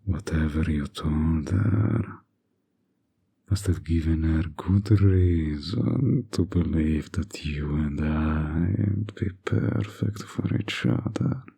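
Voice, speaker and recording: With a bass voice that is breathy, husky, and mellow, a man plays a flirtatious, manipulative villain full of smugness in an intimate audio drama. He exaggerates his delivery and coaxes with deliberate pauses.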